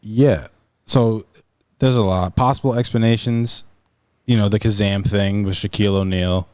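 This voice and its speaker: A man's voice: lowish voice, fairly even intonation, moderate pace, darkish tone, smooth. A young man co-hosting a podcast, chatting loosely and joking, sometimes reading search results aloud. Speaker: podcast co-host. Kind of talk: casual chat.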